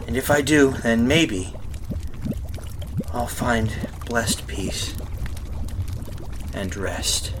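Background noise runs beneath an actor's performance as a terrified, guilt-wracked dead man in a horror radio drama. At a medium pitch and with animated delivery, he narrates haltingly and melodramatically, circling back over the same phrases in a hushed, haunted mood.

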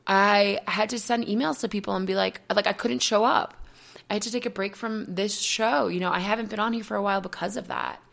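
A woman's voice: mid-range voice, fairly even intonation, a little fast, vocal fry, fairly bright tone. A woman podcast host speaking openly and reflectively in a personal monologue, full of casual "like" fillers. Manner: open, reflective, many "like" fillers.

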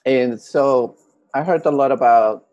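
A man's voice: medium pitch, unhurried, a little mellow, dry recording, lo-fi sound. Man, hesitant. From Honduras. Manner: hesitant, many fillers and throat clearing. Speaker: panel guest. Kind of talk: casual interview storytelling.

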